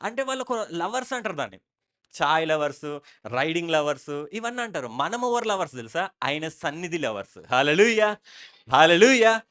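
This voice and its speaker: A man's voice: a little high, very animated, moderate pace, fairly bright tone. A man preaching a church sermon with a Telangana Telugu accent, emphatic and repetitive, calling out to the congregation for responses.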